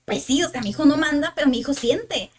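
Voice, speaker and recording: A young Mexican-accented psychologist, appearing as a guest on a parenting podcast, tells a personal story in a high, slightly mellow voice at a quick pace. She acts out what each person said and leans heavily on fillers like "o sea" and "le digo."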